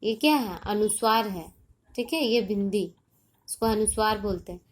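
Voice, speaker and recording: A woman teaching a primary school class in a recorded online lesson, explaining slowly and deliberately and often checking that the children understand. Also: medium pitch. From India.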